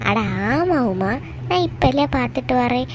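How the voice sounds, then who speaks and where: A sly, gossiping village woman, voiced by a woman in a cartoon, speaking in a Kanyakumari Tamil accent. Her voice is high, and she drops hints meant to stir up trouble. Faint hiss in the background. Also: sing-song, normal speed. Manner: insinuating, stirring up trouble.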